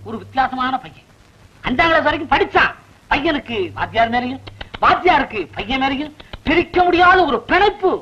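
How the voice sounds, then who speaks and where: Marriage broker, male, high bright salesy voice, dull old soundtrack. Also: expressive, brisk. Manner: salesy, persuasive. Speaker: film comedian playing a marriage broker. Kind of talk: film comedy dialogue.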